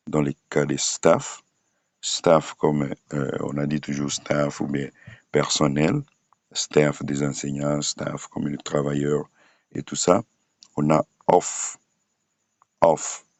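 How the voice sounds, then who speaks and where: A man with a very deep, low voice gives a phonics lesson at an unhurried, deliberate pace. He repeats each example word over and over, with frequent hesitation sounds. The sound is dry and close, with no room echo. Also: steady tone, darkish tone. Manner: slow, repeats each word several times; many hesitation fillers. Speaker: English teacher. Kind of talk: screen-shared phonics lesson.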